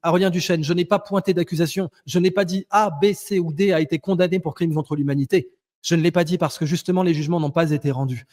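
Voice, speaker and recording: A man's voice: fairly high pitch, fairly even intonation, quick pace, hardly any pauses, a little mellow. A man hosting a heated debate, insistent and repeating his points while cutting in on others. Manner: insistent, repeats phrases, cuts in.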